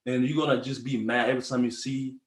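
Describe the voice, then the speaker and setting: A Congolese man in his twenties, a podcast guest, talks casually and rambles, using slang and often restarting his sentences. His mid-range voice stays fairly even as he talks fast, and the room sounds echoey.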